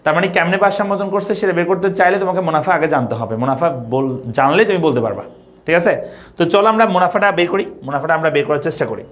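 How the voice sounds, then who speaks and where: With a fairly high, fairly bright voice, this young man from Bangladesh rattles through his online economics lesson in an expressive, rapid-fire way. He keeps going back over points and quizzing his students.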